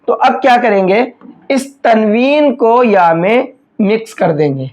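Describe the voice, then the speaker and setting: A man teaching a step-by-step recitation lesson. He explains each rule patiently, often checks that it is understood, and draws out slow examples. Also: high voice, expressive, darkish tone. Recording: dull lo-fi recording.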